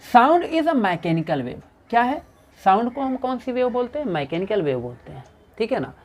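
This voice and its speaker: A man with an Indian accent teaching physics in a revision lecture, asking questions and answering them himself and reading English definitions slowly. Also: extremely high pitch, very animated.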